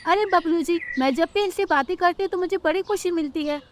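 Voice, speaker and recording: A meek young wife bird from a cartoon storybook, as a woman puts her on, with a very high, thin voice. She speaks politely and pleads to keep the peace. A faint hiss lies behind her. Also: a little fast. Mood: pleading. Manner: polite, pleading, eager to please.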